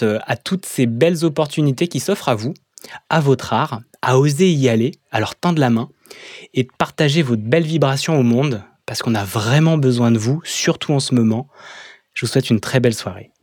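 A man's voice: medium pitch, moderate pace, a little mellow, no room sound, clean studio sound. A man hosting a podcast, speaking in an encouraging, coaching tone as he wraps up the show. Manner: upbeat, thankful. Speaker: podcast host. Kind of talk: podcast interview and outro.

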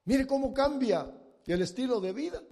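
In a very high, animated voice at a moderate pace, a man preaches a dramatic sermon, acting out scenes and pleading voices, including the blind man's shouted pleas. A long reverb tail trails his words.

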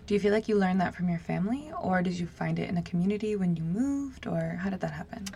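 A woman's voice: fairly low pitch, fast, vocal fry, mellow, slight background noise. A woman co-hosting a podcast who asks long, run-on questions. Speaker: podcast co-host. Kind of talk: interview questions.

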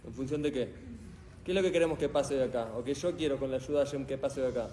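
A man's voice: medium pitch, quick pace, slight background noise. A middle-aged man with an Argentine accent gives a live motivational talk in a hall without a microphone. He tells stories with energy and keeps asking the audience questions. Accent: Argentine Spanish. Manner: animated storyteller who quizzes the audience. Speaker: motivational speaker. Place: event hall full of people. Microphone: speaking without a microphone.

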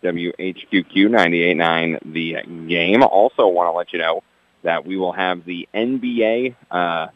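A man's voice: deep voice, unhurried, no room sound. A man with an American accent giving basketball halftime commentary and announcements as a local radio broadcaster. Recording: slightly dull radio broadcast sound.

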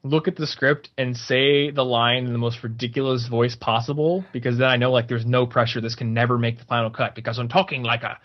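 A man's voice: medium pitch, little pitch movement, brisk, few pauses. Chatty man explaining his video process. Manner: chatty, explains step by step with many "like" fillers. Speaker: guest, YouTuber. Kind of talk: casual podcast interview. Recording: dull, slightly lo-fi sound.

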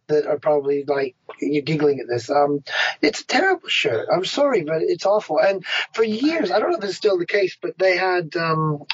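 A middle-aged man talks in a casual, rambling interview, laughing at himself as he tells his stories. His voice is husky and sits a little high. The recording is dry and muffled. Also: no echo. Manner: rambling, self-mocking storyteller. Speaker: ice hockey player and coach. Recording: dry, dull lo-fi sound.

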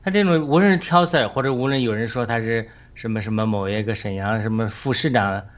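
A man leading a group discussion, talking in a measured way and often checking for agreement with tag questions. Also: mid-range voice, muffled recording. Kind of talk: casual spoken sharing.

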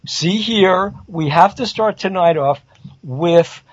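High, husky man on a dry lo-fi mic. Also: slow pace, no room sound. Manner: wry, rambling, jokey asides. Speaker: co-host. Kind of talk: casual podcast chat. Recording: dry, dull lo-fi sound.

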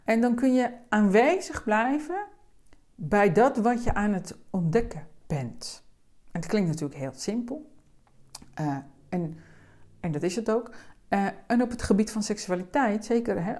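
A woman speaking as a coach, explaining slowly and gently in a calm, deliberate way. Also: mid-range voice.

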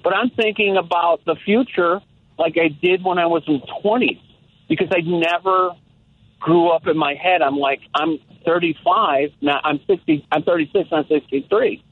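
A man's voice: a little high, normal speed, no room sound. A man in his sixties calling in to a talk show, chatting casually and reflectively, with many restarts. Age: 60s. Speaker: caller. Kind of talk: casual phone-in chat. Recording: tinny phone line.

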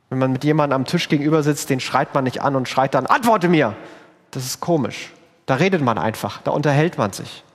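A man preaching a sermon as pastor, earnest and conversational, often restarting his sentences. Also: mid-range voice. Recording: long hall reverb.

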